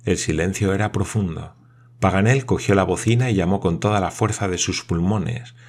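A man narrating an audiobook in a steady, dramatic reading. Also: deep voice, normal speed.

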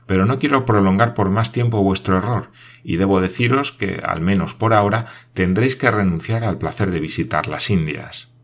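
A calm, serious nobleman, as read by a man in an audiobook, speaks in measured, composed sentences. His voice is deep and low. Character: calm, serious Scottish lord, grown man.

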